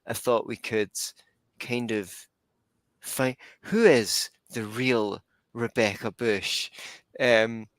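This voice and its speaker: A man hosting a podcast interview, talking in a relaxed, rambling way with fillers. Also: medium pitch, slow pace, no echo. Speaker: podcast host. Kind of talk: conversational interview.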